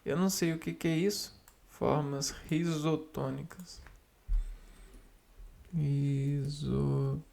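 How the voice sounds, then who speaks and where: A man with a gravelly, creaky voice works through grammar rules at a very slow pace. He halts often and repeats single words to himself as he reads and explains. The tone is that of solitary study. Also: on the high side, steady tone, warm tone. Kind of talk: reading and explaining spelling rules aloud.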